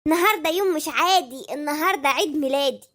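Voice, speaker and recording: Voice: high-pitched, rapid-fire, pushed and bright. A performer voicing a spoiled, demanding Egyptian housewife who talks in a whiny, coaxing way.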